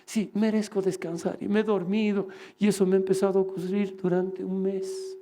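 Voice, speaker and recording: A man's voice: high voice, monotone, fairly quick, mellow. A male pastor preaching a sermon, telling a personal testimony and acting out the voices in it. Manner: storytelling testimony, acting out voices in his story.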